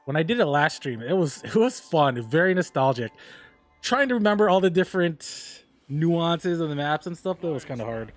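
A man's voice: a little high, sing-song, moderate pace, soft background music. A man casually commenting while he plays a game on a live stream, chatty, exclaiming and laughing during fights, humming bits of tunes.

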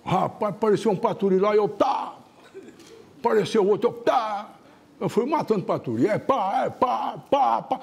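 A man voicing a boastful rustic hunter telling a tall tale, excitedly mimicking his gunshots. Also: sits high, fast talker, vocal fry, few pauses, pitched above the performer's own voice.

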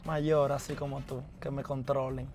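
A man's voice: medium pitch, little pitch movement, normal speed, over music. A man in his twenties, flirting and joking defensively in casual banter. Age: 20s. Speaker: content creator.

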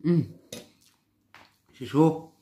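A man's voice: drawn-out words, warm tone. A man tasting food on camera and talking while chewing, with murmured, appreciative asides between bites. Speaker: food vlogger. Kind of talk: casual tasting commentary.

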